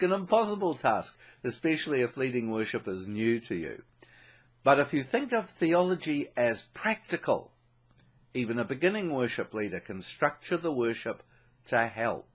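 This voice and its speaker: A man with a New Zealand accent giving a scripted, earnest lesson on leading worship, stressing key words. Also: medium pitch. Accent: New Zealand English. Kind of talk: scripted instructional narration.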